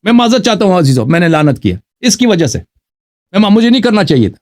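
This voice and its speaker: High-voiced emphatic male debate host. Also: sing-song. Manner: emphatic, repeats himself, talks over the caller. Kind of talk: heated live debate.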